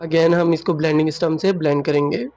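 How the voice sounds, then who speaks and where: Man tutoring drawing over soft music. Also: a little high, steady tone, quick pace, lo-fi sound. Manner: mixes Hindi with English, many fillers and restarts.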